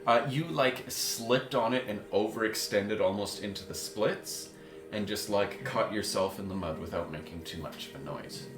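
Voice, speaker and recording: A man running a tabletop game as game master, calmly narrating scenes. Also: on the low side, moderate pace. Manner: calm, descriptive narration. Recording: roomy sound with music behind.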